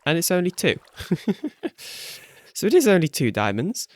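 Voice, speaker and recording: A man's voice: a little high, huge pitch swings, quick pace, darkish tone, slight background noise. A young man giving casual gameplay commentary as a video host, rambling and correcting himself, with a groggy morning voice. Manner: rambling, self-correcting, chuckles often. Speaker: gaming YouTuber. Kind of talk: casual Let's Play commentary. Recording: faint background music.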